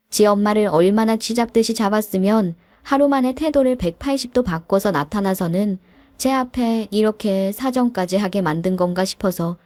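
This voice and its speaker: A woman's voice: mid-range voice, darkish tone, no echo. A woman narrating a dramatized story as the wife, with a cold, cutting delivery.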